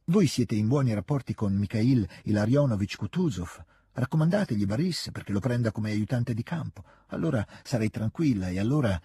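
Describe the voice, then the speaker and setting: A proud middle-aged noblewoman begs and insists on a favor for her son, voiced by a man reading the book aloud. Her voice stays very husky and dark. It sounds close and dry, with no room around it. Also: on the low side, expressive, fairly quick, no room sound. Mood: imploring. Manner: imploring, insistent. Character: pleading aristocratic mother, middle-aged woman. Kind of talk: audiobook reading.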